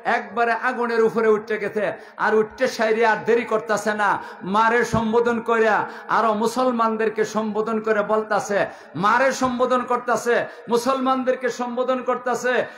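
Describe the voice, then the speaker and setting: An impassioned male preacher with a Habiganj Bengali accent whose very high, bright voice chants the story in repeated phrases. It rings through an echoey hall over the loudspeakers. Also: steady tone, normal speed. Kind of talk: sung storytelling sermon.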